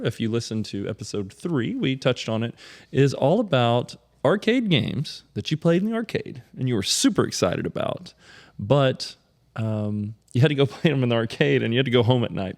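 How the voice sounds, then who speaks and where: Male podcast host, casual and upbeat, mid-pitched, laughs easily. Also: vocal fry. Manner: animated, chatty, laughs often.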